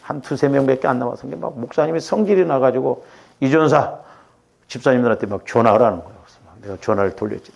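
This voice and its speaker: With a quick, creaky and slightly mellow mid-range voice, this middle-aged man preaches conversationally. He regularly turns to the congregation with rhetorical checks.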